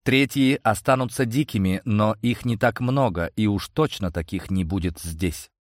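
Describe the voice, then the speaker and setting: A man narrating a science-fiction audiobook in first person, measured and steady. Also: lowish voice, no room sound, clean studio sound.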